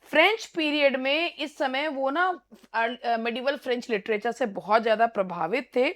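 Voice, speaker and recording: High-voiced woman teaching literature. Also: fairly bright tone. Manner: mixes Hindi and English, repeats key terms slowly. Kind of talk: exam-prep lecture.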